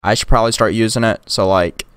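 A young tech tutorial creator speaks at a quick pace in a smooth voice on the low side, with fairly even intonation. Recorded dry on a close USB condenser mic with no room sound, this casual screen-recorded tutorial has him rambling with fillers and whispering or yelling during demos.

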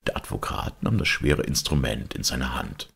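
A man reading an audiobook as narrator, in measured storytelling. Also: rumbling low, expressive, vocal fry, a bit bright, slightly rough. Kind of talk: scripted narration.

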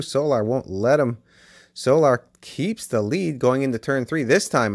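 A man giving play-by-play commentary on toy car races as the channel host, with bursts of excitement at close finishes. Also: lowish voice, no room sound. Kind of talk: race commentary. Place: basement with toy race track.

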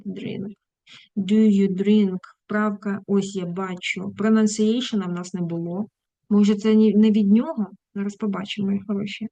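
A woman English teacher gives a casual online lesson, chatting, breaking off mid-thought and turning to her students with fond asides. Her mid-range voice is warm, with no echo.

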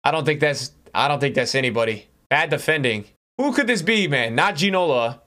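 A young man with a fairly high-pitched voice talks to his livestream chat. He sounds like a frat bro, casual and slangy, addressing everyone as bro, dude or man while he plays. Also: animated, a little fast, pushed and bright. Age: young adult. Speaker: game streamer. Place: small room indoors.

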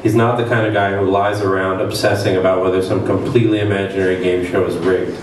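A man in his thirties gives a dramatic stage reading of satirical fiction at a literary event, talking fast in a low voice with a level tone. He's in a small event room before an audience, using a table microphone on a stand. The recording is noisy and very echoey, with the mic placed at a distance.

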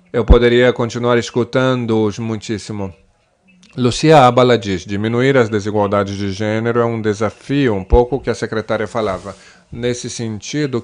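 A man giving a simultaneous interpretation voice-over of a panel discussion, measured and pausing often with fillers and restarts. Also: medium pitch, clear, resonant tone.

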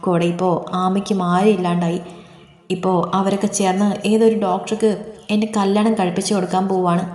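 A woman's voice: mid-range voice, level tone, a little fast, a little mellow, close to an everyday voice. Woman reading as a tearful young girl. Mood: sad. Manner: plaintive. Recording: echoey reverberant room.

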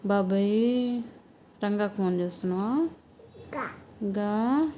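A woman's voice: mid-range voice, slow, warm tone, a little hiss or hum. A young mother, playfully coaxing and teasing her toddler at home at night in sing-song baby talk.

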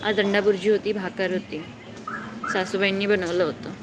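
Young woman reading viewer comments on a phone live stream outdoors; clear traffic and street noise. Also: mid-range voice, level tone, normal speed. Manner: reads comments aloud and answers viewers. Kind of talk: casual live-stream chat. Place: outdoors below a housing block at night.

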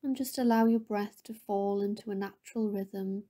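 Speaking at a medium pitch with fairly even intonation, a woman leads a guided meditation. Her voice is soft and breathy, frequently near a whisper, and her gentle, calming manner includes lingering pauses between phrases.

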